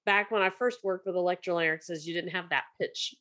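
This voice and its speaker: Podcast host: woman with a lowish voice, easy and encouraging in conversation. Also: a little fast, fairly bright tone. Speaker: podcast host, speech pathologist.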